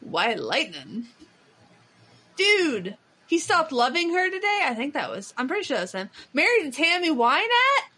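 Lively high-voiced woman podcast co-host. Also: normal speed. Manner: animated, teasing, laughs and swears often. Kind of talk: casual chat.

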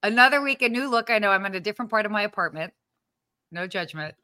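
A woman co-hosts a casual podcast livestream from her apartment. She talks in a bubbly, exclaiming way, full of ums and little cries of delight. Her voice sits at a middling pitch, and the sound is close and dry over a video call setup. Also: lively intonation, fast talker, pushed and bright, no echo. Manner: bubbly, exclaiming, many fillers. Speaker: podcast co-host. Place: home apartment.

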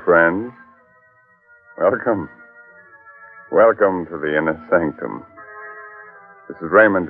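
A man playing a sinister horror host and teller of strange tales, in 1940s radio acting style. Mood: sly. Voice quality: low, sly, relishing menace. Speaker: show host. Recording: tinny old radio broadcast recording.

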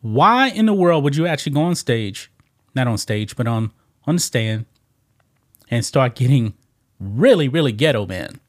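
A man's voice: medium pitch, very animated, moderate pace. A man hosting an online commentary show, talking casually and emphatically, often tossing in "man" and repeating his points. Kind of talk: opinionated political commentary.

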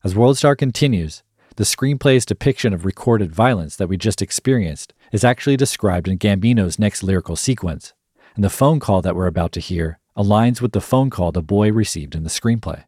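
A man hosting a podcast, narrating a scripted analysis in a measured, explanatory way. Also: fairly low pitch, animated, a little mellow, husky, no room sound, studio quality. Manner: measured, explanatory, reads quotes aloud. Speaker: podcast host.

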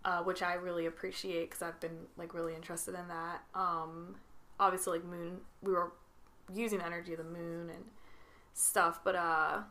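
Laughing, animated woman storyteller. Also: on the low side, normal speed. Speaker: podcast co-host. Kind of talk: casual chat.

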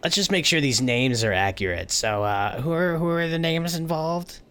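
A man's voice: fairly high pitch, expressive, normal speed, a bit bright, clean tone. A man chatting casually as a player in a tabletop role-playing game. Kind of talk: casual chat.

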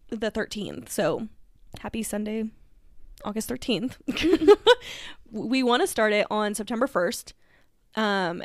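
A woman's voice: mid-range voice, dry recording, studio quality. A woman co-hosting a podcast in casual chat, talking with lots of fillers and laughs. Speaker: podcast co-host.

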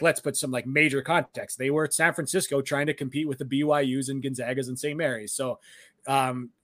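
A man with a slightly high voice co-hosts a sports talk podcast. He rambles with lots of fillers as he thinks out loud. The sound is dry and close. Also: no echo. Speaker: podcast co-host.

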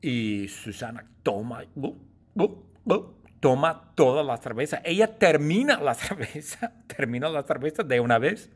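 A male teacher telling a silly story to learners, slow and repetitive, playful, with sound effects and laughs. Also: medium pitch, lively intonation, husky. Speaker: language teacher.

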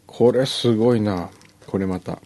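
A man co-hosting a podcast, chatting in a relaxed, playful way while tasting food, mixing polite and casual speech. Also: fairly low pitch, a little slow. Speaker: podcast co-host.

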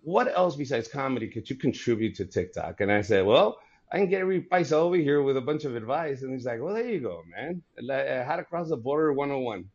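A man in his forties, a comedian, chatting casually and telling stories in an animated, laughing way. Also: mid-range voice, quick pace, few pauses, slightly rough, highs cut off. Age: 40s. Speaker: comedian guest. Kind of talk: casual podcast chat.

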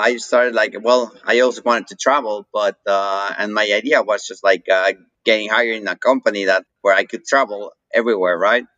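A man's voice: lowish voice, fairly bright tone, no room sound, rough recording. A man with a Mexican accent, chatting casually as an interview guest and rambling with many fillers and restarts. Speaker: guest, coffee roaster.

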